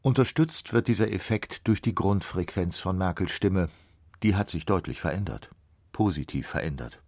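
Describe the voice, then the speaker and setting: A man's voice: low-pitched, expressive, normal speed, a little mellow, no echo, studio quality. A man narrating a radio or TV feature in a scripted voice-over. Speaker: documentary narrator.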